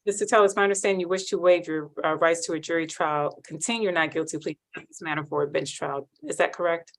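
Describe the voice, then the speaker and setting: A woman judge, heard on a courtroom recording, running a hearing in a brisk, formal way and reading procedure by rote. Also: on the low side, a little hiss or hum.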